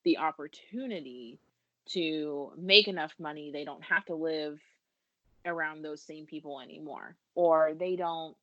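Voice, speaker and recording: A woman's voice: sits low, measured pace, dry recording, dull audio. A woman from the United States in her thirties, a business founder talking casually and earnestly in a podcast interview, laughing now and then. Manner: earnest, self-deprecating, laughs while talking.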